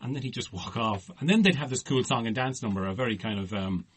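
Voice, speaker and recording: A man's voice: mid-range voice, fast talker, slight background noise. A man, co-hosting a podcast and telling a long rambling anecdote in casual chat. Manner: rambling anecdotal storyteller, laughs often. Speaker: podcast host.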